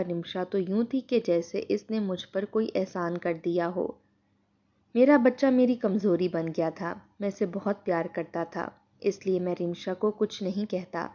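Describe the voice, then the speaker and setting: In a steady, earnest storytelling tone, a woman narrates a moral tale in the first person. Her voice is mid-range, and the recording's high frequencies are cut off.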